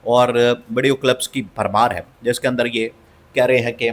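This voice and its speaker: Guy ranting about politics, scornful, keeps repeating himself for punch, mid-pitched voice. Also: steady tone, normal speed. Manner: emphatic, scornful, repeats phrases for stress. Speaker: political commentator. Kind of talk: opinionated political commentary.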